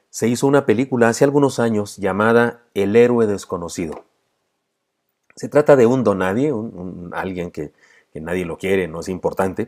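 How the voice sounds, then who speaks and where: A male pastor with a Mexican Spanish accent delivering a sermon, retelling a film story and then laying out his points one by one in a measured preaching manner. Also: on the low side, a little mellow. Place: church.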